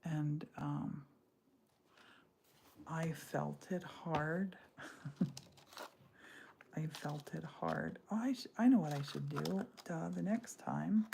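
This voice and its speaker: A woman's voice: low voice, very slow, gravelly, long pauses, mellow, a little hiss or hum. A woman in her sixties chatting casually and rambling while crafting during a livestream from her home studio. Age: 60s. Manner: chatty, rambling, self-interrupting. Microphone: livestream device mic.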